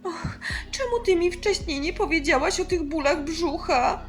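A worried mother, fretful and impatient, as a woman puts her on, her high voice leaping around as she frets. Faint background music plays under her. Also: expressive, measured pace, fairly bright tone, full character voice. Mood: anxious. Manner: anxious, fretful.

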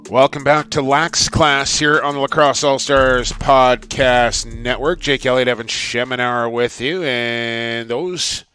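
Slow, with few pauses, this male podcast co-host speaks in a steady, mid-range voice that sounds pushed and bright. He chats casually and rambles through lengthy self-deprecating anecdotes.

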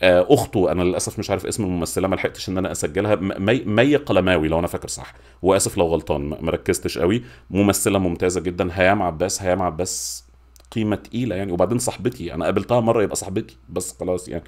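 A man's voice: deep voice, racing, a little mellow. A man in his forties with an Egyptian accent reviewing in natural unscripted talk, informal and emphatic, repeating words for stress, at a desk microphone. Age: 40s. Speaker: YouTube film and series reviewer. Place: small home studio room. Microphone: desk microphone with pop filter.

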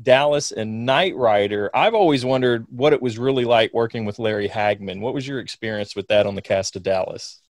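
A man's voice: mid-range voice, fairly quick, few pauses, dry recording. Male podcast host asking questions. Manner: asks questions, reads lists of credits. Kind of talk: casual interview.

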